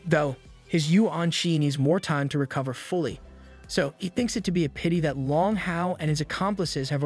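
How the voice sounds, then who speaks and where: Man, manga recap narration, fairly high voice, dry asides, soft background music. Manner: brisk recap with dry jokes. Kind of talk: scripted narration.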